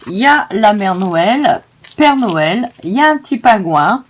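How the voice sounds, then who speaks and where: A woman's voice: mid-range voice, expressive, measured pace. A woman hosting a casual crafting demonstration, chatty and enthusiastic, often stumbling over her words. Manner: gushing and enthusiastic. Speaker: craft video host.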